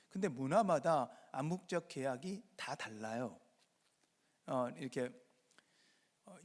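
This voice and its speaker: A male pastor from Jeolla preaching a sermon to his congregation, posing rhetorical questions and answering them himself. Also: medium pitch. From Jeolla, Korea. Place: church sanctuary. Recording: reverberant church hall.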